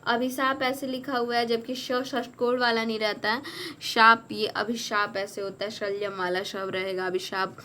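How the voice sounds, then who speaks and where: A woman tutoring exam students on spelling, going word by word slowly and repeating corrections. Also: on the high side, little pitch movement, pushed and bright, slight background noise. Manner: slow, repetitive, correcting each word. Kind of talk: spelling lesson.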